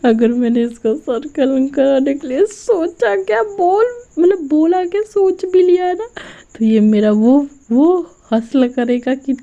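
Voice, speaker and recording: A nervous young man frets and soothes in quick, anxious talk, as a woman puts him on in a storybook retelling. The sound is mellow and slightly dull. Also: sits high, voice pushed up. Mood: fretful. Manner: fretful, hurried inner talk.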